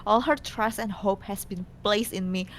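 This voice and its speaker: Woman reading story narration, slightly noisy. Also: moderate pace. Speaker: co-host reading a visual novel aloud. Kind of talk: scripted story narration, read casually. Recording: noisy, low rumble behind.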